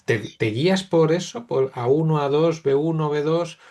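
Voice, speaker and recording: A man hosts the interview. His voice sits a little high. He asks long, searching follow-up questions. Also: normal speed, darkish tone. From Spain. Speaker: interviewer, host.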